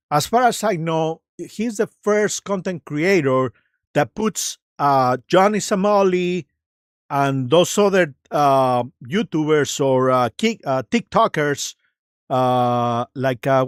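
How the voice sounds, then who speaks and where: A livestream host talks slowly and haltingly, improvising commentary on videos. The delivery is mocking and sarcastic, ready to argue. The sound is dry, with hardly any room on the voice. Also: mid-range voice, lively intonation, no room sound. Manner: halting, loosely improvised, searching for words.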